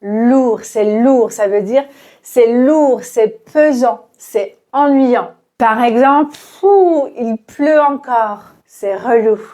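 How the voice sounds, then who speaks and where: A woman teaching French expressions in a quiz-style lesson, talking clearly and deliberately with playful examples. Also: on the high side, mellow.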